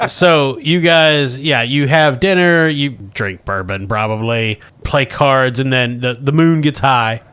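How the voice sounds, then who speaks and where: A man's voice: medium pitch, takes it slowly, few pauses, a bit bright, clean tone. A man casually narrating a tabletop role-playing game as game master.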